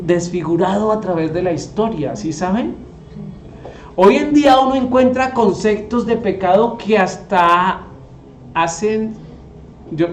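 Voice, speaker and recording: A man's voice: sits high, a little hiss or hum. A man, teaching the Bible to a group and often asking them rhetorical questions. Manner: asks the audience rhetorical questions. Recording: echoey room.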